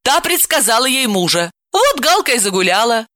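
A woman voicing a hot-tempered young woman who scolds and snaps in a high, indignant voice, in a storybook reading. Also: big pitch swings, normal speed, pushed and bright, no echo, clean studio sound. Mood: scolding.

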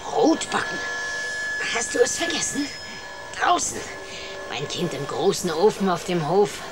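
A woman's voice: mid-range voice, very animated, measured pace, loud music behind the voice. A cackling half-blind old witch. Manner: cackling, taunting, shifts to sly whispers. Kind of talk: radio play acting.

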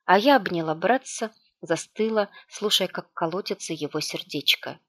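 A woman reading an audiobook aloud, with a hushed, tense delivery and light character voicing. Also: on the low side, normal speed. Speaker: audiobook narrator.

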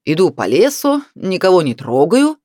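A woman's voice: fairly low pitch, big pitch swings, moderate pace, mellow, no room sound, studio quality. A woman reading the part of a jovial middle-aged husband who mocks and then turns defensive. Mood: amused. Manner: mocking, wry storytelling.

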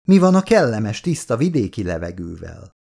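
A man's voice: lowish voice, big pitch swings, vocal fry, a little mellow, heavily acted. A male audiobook reader voicing a playful young woman who coaxes and pleads in a girlish, sulky way. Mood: coaxing. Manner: pleading, childlike coaxing. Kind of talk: audiobook character voice.

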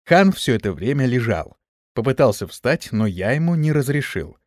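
A man narrating a fantasy audiobook in the first person with an expressive delivery. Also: mid-range voice, normal speed, no echo.

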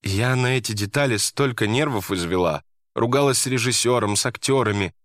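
A man's voice: medium pitch, fairly quick, fairly bright tone, dry recording, lightly acted. A man voicing a self-assured female theatre director who talks in a wry, self-mocking way. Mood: warm.

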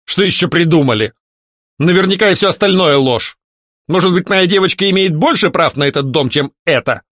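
A man's voice: fairly high pitch, sing-song, a little fast, a bit bright, dry recording, studio quality, voice pushed up. A man playing a blustering fat baron. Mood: scornful. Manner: blustering, irritable. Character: fat middle-aged baron, angry and scornful.

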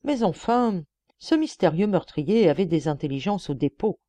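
A woman's voice: on the low side, animated, moderate pace, warm tone, dry recording, natural voice. A woman voicing a shrewd, earnest young male police detective in a storybook reading, persuasive and emphatic.

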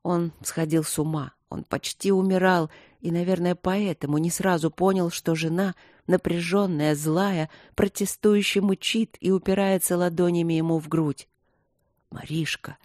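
Mellow, low-voiced woman narrating an audiobook. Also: fairly even intonation, normal speed, no room sound, clean studio sound.

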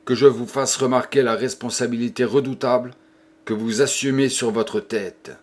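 A man's voice: mid-range voice, steady tone, moderate pace, darkish tone, lightly acted. A man reading an audiobook, voicing a frightened, stammering old priest. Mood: fearful. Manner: stammering, timid. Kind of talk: audiobook character voice.

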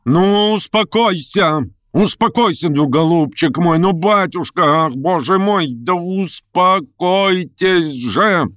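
A man voicing a hot-tempered, imperious older noblewoman who scolds and commands in shrill outbursts. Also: very animated, measured pace, dry recording, studio quality. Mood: coaxing.

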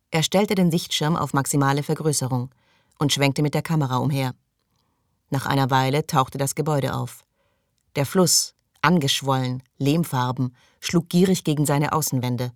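A man's voice: fairly high pitch, no echo, studio quality. Man narrating a science-fiction audiobook. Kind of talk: scripted narration.

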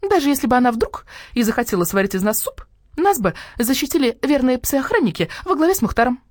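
A woman voicing a proud, naive hen who talks in a shrill, clucking way. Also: big pitch swings, a little fast, darkish tone, no room sound, studio quality. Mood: alarmed.

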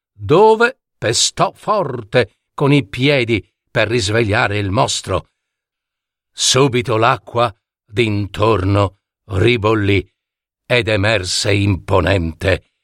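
Male storyteller, measured expressive fairy-tale read, unhurried, dry studio sound. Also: mid-range voice, dry recording. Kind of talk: scripted storybook narration.

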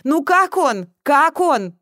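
Встревоженная мать средних лет, громко окликает снизу, её играет чтица. Аудиокнига, сухая запись. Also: female voice, sits high, big pitch swings, takes it slowly, a bit bright, no echo, clean studio sound, pitched above the performer's own voice, full character voice. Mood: anxious calling. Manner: anxious, calling out. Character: worried middle-aged mother calling from downstairs.

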